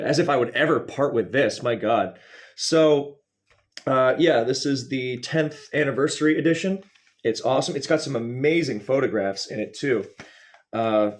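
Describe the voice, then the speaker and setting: A mid-range male voice hosts a casual, rambling comedy video. He speaks haltingly and digressively, slipping into wry, mock-serious grand phrasing.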